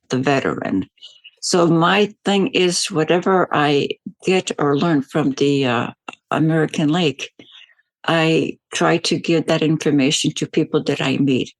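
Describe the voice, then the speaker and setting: Older Belgian-born woman, gravelly voice. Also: sits low, dry recording. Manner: warm, rambling storytelling with fillers. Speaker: guest, veteran ambassador. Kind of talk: interview answers.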